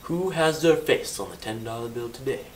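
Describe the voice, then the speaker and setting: A man presenting a casual history lesson, telling it playfully with joking asides and sudden loud bursts. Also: mid-range voice, animated, normal speed, slight background noise, low-quality recording. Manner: self-correcting, with asides and joking corrections.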